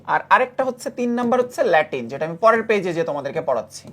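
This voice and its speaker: A woman's voice: on the low side, sing-song, quick pace. A woman teaching a chemistry lesson who repeats key terms and keeps checking that students follow. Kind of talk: classroom lecture.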